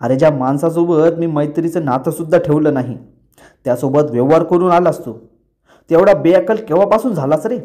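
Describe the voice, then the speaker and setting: A man's voice: fairly high pitch, a little fast, warm tone, lightly acted. A man voicing a stern father from a TV serial, scolding his son harshly. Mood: angry.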